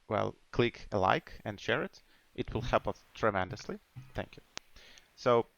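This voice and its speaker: A man's voice: mid-range voice, a bit bright, smooth, no echo, lo-fi sound. A man in his twenties from Ukraine, in English, hosting a casual podcast chat. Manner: chatty, nonnative English with restarts. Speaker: podcast host.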